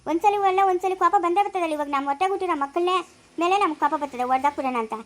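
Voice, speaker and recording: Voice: extremely high pitch, very fast. A girl playing a village woman who scolds and guards a baby in a family skit. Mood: stern scolding. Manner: scolding, argumentative.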